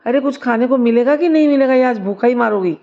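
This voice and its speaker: A woman's voice: on the high side, animated, moderate pace, lo-fi sound. A woman voicing a grumbling, scolding old mother-in-law in a read-aloud story. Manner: nagging, shouting complaints.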